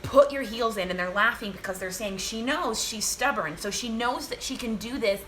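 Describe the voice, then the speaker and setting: Gentle woman giving a spiritual reading. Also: on the high side, lively intonation, moderate pace, slight background noise. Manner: gentle, repetitive, with many fillers and restarts. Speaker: spiritual reader. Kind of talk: live channeled reading. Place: home.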